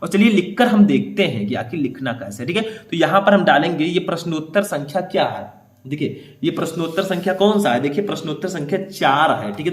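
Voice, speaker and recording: In a reverberant recording, a man with a fairly high-pitched voice teaches how to write answers for board exams. He explains things step by step, frequently checks in with brief confirmations, and reads passages aloud slowly.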